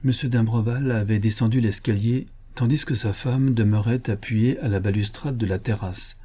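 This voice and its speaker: Dark husky male audiobook narrator. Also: normal speed. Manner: steady reading, raising pitch for dialogue. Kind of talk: scripted narration of a detective story.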